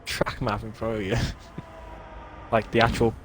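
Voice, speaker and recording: A man's voice: on the low side, completely flat delivery, unhurried. Bantering man over roaring car noise. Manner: laughs often, crude banter. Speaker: sim racing co-commentator and driver. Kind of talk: casual chat during a race. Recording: race car engine noise underneath.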